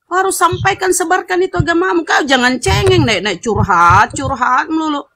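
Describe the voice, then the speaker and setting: A woman's voice: high-pitched, animated, moderate pace, a bit bright. A woman hosting an online interfaith debate, lecturing and scolding her opponent, repeating herself for emphasis. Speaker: host of an interfaith debate room.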